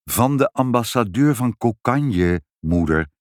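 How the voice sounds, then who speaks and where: An eager, cheerful little girl from a storybook, put on by a man reading aloud. Her lines bounce with a lively, sing-song pitch. The sound is dry and close. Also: slow, no room sound. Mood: correcting.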